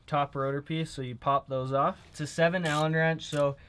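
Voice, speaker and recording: A man talks through a brake replacement in a relaxed, joking way, with plenty of "uh"s between steps. His voice sits a bit high for a man. A faint hiss of background noise runs under the recording. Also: normal speed. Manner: relaxed, jokey, with many fillers. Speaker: DIY mechanic demonstrating a brake job. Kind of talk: casual how-to walkthrough.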